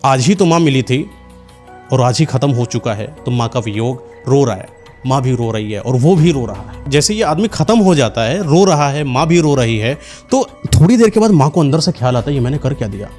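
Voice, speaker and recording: A man narrates a horror tale with intense, dramatic storytelling, sometimes repeating words to build suspense. His voice sits at an ordinary male pitch, and soft music plays quietly under him.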